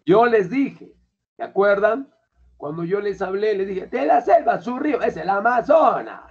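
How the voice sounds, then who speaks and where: High-voiced teacher quizzing students. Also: male voice, animated, unhurried. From Peru. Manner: colloquial, keeps quizzing students. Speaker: language teacher. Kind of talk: classroom lecture. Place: classroom. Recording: dull lo-fi classroom recording.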